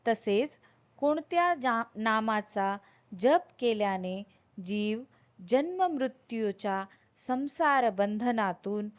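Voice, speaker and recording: A woman with a fairly high voice recites and explains scripture very slowly. She over-enunciates, setting each word apart with deliberate care. The recording is slightly dull and lo-fi. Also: expressive. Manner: over-enunciated, deliberate, clearly separated words. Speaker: teacher of Sanskrit hymn recitation.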